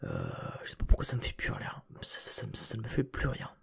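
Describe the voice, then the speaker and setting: A man's voice: mid-range voice, huge pitch swings, a little fast, gravelly, fairly bright tone, slightly rough. A man whispering right in your ear in a casual, rambling ASMR chat, speaking informally and directly to the listener on a close binaural mic. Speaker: ASMR video creator and host. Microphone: close binaural microphone.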